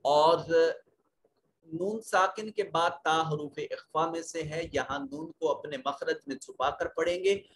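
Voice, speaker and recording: A man's voice: a little high, unhurried, fairly bright tone, slight background noise. A man teaching Quran recitation rules, explaining each letter and rule step by step in a methodical way. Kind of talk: tajweed lesson explaining rules.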